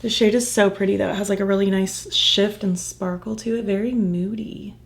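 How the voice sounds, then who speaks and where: With a medium-pitched, steady voice at normal speed, a woman talks through her makeup tutorial, enthusing over the shades. Her voice is a bit croaky from losing it, and she drops to soft murmurs while applying.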